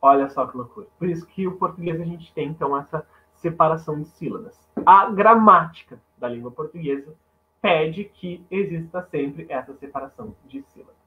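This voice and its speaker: A man teaching an online Portuguese class, animated and asking the class rhetorical questions. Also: fairly high pitch, fairly quick. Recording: tinny phone-like audio.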